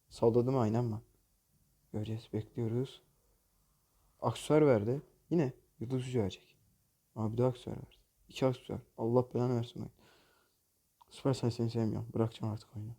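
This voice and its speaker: Man, gaming channel host, very dark mellow voice, grumbling, joking, cursing at the game, box-opening commentary. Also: mid-range voice, fairly even intonation, quick pace, vocal fry, long pauses, husky. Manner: exasperated, grumbling and jokey, curses at the game.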